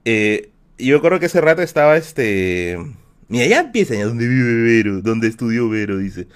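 A man's voice: mid-range voice, moderate pace, smooth. Peruvian guy on his stream telling a story, voice jumps up and down a lot, tons of slang and fillers. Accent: Peruvian Spanish. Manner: animated, slangy anecdote telling with many fillers. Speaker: livestream host. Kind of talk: casual storytelling on a live stream.

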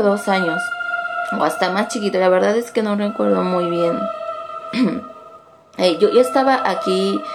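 A young woman rambles through a ghost story in casual chat, correcting herself often. Her voice has a gravelly edge, and music plays clearly beneath her. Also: medium pitch. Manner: rambling, many restarts and asides. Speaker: caller sharing a paranormal story.

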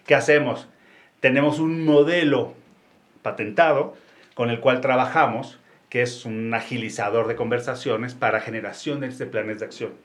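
A man's voice: mid-range voice, steady tone, normal speed. A man with a Mexican accent, an executive coach, explaining his work in a casual interview, often restarting phrases and checking in with tag questions. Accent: Mexican Spanish. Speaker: executive coach, company founder.

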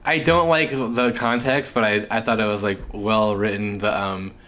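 A young man co-hosting a podcast in casual chat, animated and quick to laugh, leaning on "like" a lot. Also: fairly low pitch. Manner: animated, laughs often, many "like" fillers. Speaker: podcast co-host.

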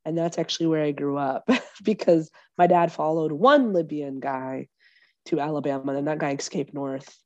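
A woman from Egypt, a lawyer and comedian, chatting as a podcast guest, animated and joking with lots of fillers. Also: low-pitched, normal speed, dry recording, muffled recording. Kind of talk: casual conversational interview.

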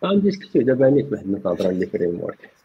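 Male, Moroccan accent, raspy and very fast conversational speaker on a dull microphone. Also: lowish voice, big pitch swings. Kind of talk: casual panel discussion.

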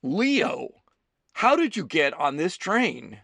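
A man's voice: on the high side, big pitch swings, slow, gravelly, fairly bright tone, dry recording, voice pushed up, exaggerated voice. A man voicing a nervous young man with a dry, joking way of talking. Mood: astonished.

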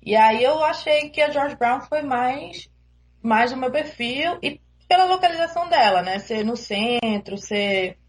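A young Brazilian woman with a Pernambuco accent talks casually as an interview guest on a remote call. Her voice sits a little high, and she hesitates often and laughs easily as she speaks. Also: expressive, measured pace. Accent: Pernambuco Brazilian Portuguese. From Brazil, Recife.

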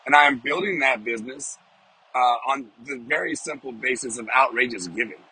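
A man with a smoker's voice giving an informal, off-the-cuff devotional, speaking haltingly and repeating phrases for emphasis inside a car. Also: mid-range voice, pushed and bright, slightly rough, poor audio. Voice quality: smoker's voice with occasional cough. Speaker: podcast host giving a devotional. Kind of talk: informal off-the-cuff sermon and prayer. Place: inside a parked small car.

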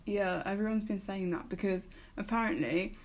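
A woman's voice: medium pitch, moderate pace, darkish tone. A young woman co-hosting a casual chat, talking ideas through at length. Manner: chatty, explains ideas at length. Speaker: podcast co-host.

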